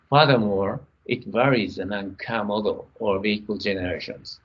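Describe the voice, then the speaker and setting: A middle-aged man giving a technical conference keynote from his computer, speaking in a measured way as he talks through his slides. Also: fairly low pitch, breathy edge, lo-fi sound. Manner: measured, reading slides, some non-native grammar.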